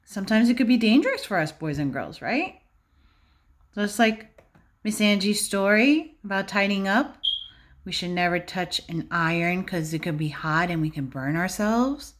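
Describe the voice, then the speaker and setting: With a mid-range voice, a woman teacher reads a picture book to small children. She's expressive and instructive, and she often pauses to pose questions.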